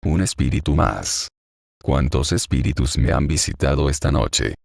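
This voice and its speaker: A man's voice: rumbling low, measured pace, vocal fry, darkish tone, dry recording, clean studio sound, full character voice. A man reading the part of a grieving, confused old man in an audiobook, murmuring in a hollow voice as if talking to himself.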